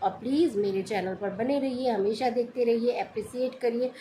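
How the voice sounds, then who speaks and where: A woman's voice: a little high, normal speed, mellow, slight background noise. A middle-aged woman vlogging casually from home, homely and chatty, now and then lecturing. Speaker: family vlogger. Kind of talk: casual vlog chat.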